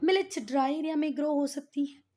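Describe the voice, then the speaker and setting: A woman leads a schoolroom lesson in a notably high voice. She explains patiently, repeats the key terms and keeps checking in with her students, switching now and then into textbook English. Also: quick pace, dark tone. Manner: mixes English textbook phrases into Hindi explanation. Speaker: teacher.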